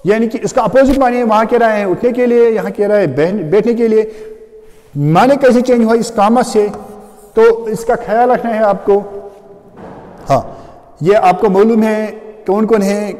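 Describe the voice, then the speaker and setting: Man teaching a grammar lesson, high voice, patient step-by-step explaining, echoing hall. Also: normal speed, warm tone. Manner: explains step by step, often asks "you know this?". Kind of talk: classroom grammar lecture.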